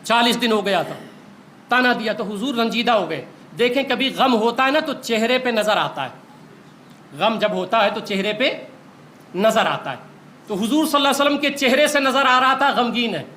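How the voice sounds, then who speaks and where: A man's voice: very high voice, sharp tone, slight background noise. A man preaching a sermon in an impassioned, rising voice, recorded in a large echoey hall.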